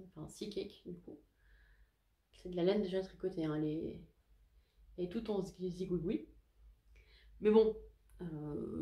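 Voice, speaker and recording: A woman's voice: lowish voice, mellow. A woman hosting a knitting podcast, talking casually to camera in a chatty, hesitant and self-deprecating way. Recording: echoey room.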